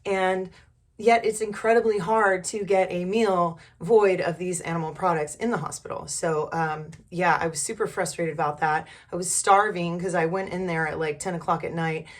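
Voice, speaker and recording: Still rough-voiced after being sick, this middle-aged woman tells a story from her own life as a casual vlog. Her somewhat low voice keeps a fairly even intonation at a normal speed, and she's candid and informal with some mild profanity.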